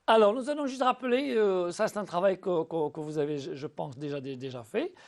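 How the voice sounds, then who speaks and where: A male teacher giving a recorded school lesson, speaking patiently to pupils and slowly spelling out syllables. He often repeats and restarts words. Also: high voice, vocal fry, darkish tone.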